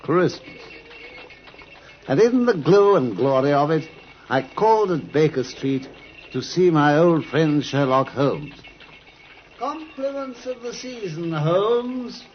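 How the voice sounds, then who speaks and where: An actor with a British accent playing a hearty, fussy gentleman doctor in an old radio drama, blustery and hesitant in manner. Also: on the high side, animated, takes it slowly. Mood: nostalgic, warm. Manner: hesitant, blustery, repeating himself. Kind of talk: old-time radio drama acting and narration. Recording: muffled, slightly noisy old radio recording.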